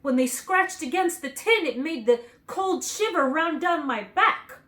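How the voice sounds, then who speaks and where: A woman's voice: sits high, lively intonation, a little slow, bright, forceful tone, pitched above the performer's own voice, full character voice. A woman voicing a big, cowardly male lion in a children's storybook read aloud. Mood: curious.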